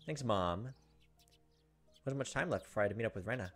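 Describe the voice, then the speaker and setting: A man with a fairly low, slightly bright voice reads visual novel narration expressively and a little fast, adding asides. He's a let's play host on a close desk microphone, with game music underneath.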